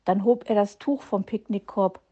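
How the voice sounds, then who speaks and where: A woman narrating a children's audiobook in a calm storytelling manner. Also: mid-range voice, normal speed, breathy edge, lo-fi sound.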